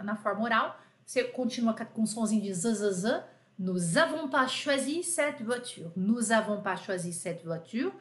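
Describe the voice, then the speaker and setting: A woman's voice: a little high, a bit bright, echoey room. A Brazilian woman teaching a live French lesson in a chatty, affectionate way, often checking in with her students. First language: Portuguese.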